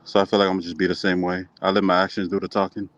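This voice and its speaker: Calm, deep-voiced young man, flat delivery. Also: very fast, dry recording, lo-fi sound. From Hawaii. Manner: calm, nonchalant, understated. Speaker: slap fighting athlete being interviewed. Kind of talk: casual interview answers.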